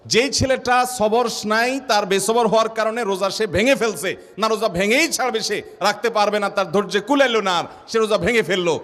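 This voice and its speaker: Preacher man, high voice, echoing hall. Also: fairly bright tone. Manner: vivid storytelling with repeated rhetorical questions. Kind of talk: Islamic sermon with storytelling. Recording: long hall reverb.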